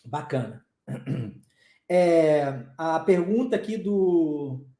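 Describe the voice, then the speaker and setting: A man's voice: on the high side, lively intonation, very slow, warm tone, roomy sound. A man with a Southeastern Brazilian accent, teaching English pronunciation in a live class in a chatty way and checking in with his students often. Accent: Southeastern Brazilian Portuguese. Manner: chatty, checks in often with "tá?", coughs now and then. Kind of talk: live online class, casual explanation.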